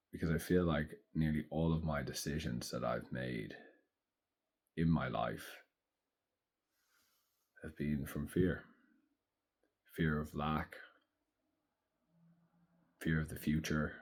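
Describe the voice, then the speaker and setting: A man in his thirties speaking slowly and thoughtfully in a reflective personal monologue. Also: a bass voice, husky. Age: 30s. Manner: slow, thoughtful, soft-spoken. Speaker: vlogger.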